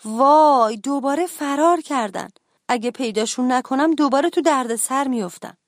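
A woman's voice: high voice, no echo, clean studio sound, lightly acted. A woman voicing a restless, lonely schoolboy who keeps getting into trouble, in a children's storybook reading. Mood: alarmed. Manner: loud, eager and plaintive.

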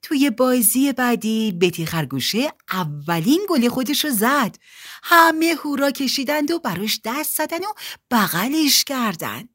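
A woman reads a children's storybook aloud. Her narration is expressive, the pitch lively and varied.

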